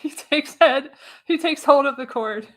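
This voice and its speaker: A woman with a high voice, acting as narrator and show host, reads screenplay stage directions for a live radio play at a measured pace. She reads expressively, stumbling now and then.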